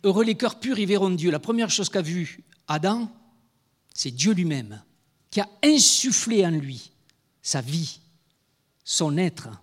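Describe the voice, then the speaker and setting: A man's voice: high voice, lively intonation, a little slow, long pauses, in a large hall. A man preaching a sermon, speaking with emphasis and asking rhetorical questions of his listeners.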